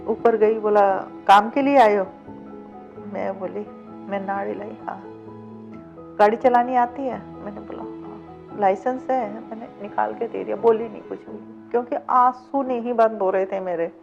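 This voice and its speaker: A woman's voice: medium pitch, normal speed, gravelly, darkish tone. Middle-aged woman retelling her story. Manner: vivid retelling that acts out past dialogue. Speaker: interview guest, cab driver. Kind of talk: personal storytelling in an interview. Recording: dull lo-fi sound with faint background music.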